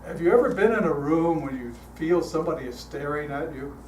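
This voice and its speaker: This older man is a guest leading a guided meditation, telling stories to a congregation in a church hall in a calm, relaxing voice that's a little high and fairly quick. He's relaxed and chatty, with frequent "uh" fillers and restarts, and the noisy recording catches him from a distance in the echoing hall.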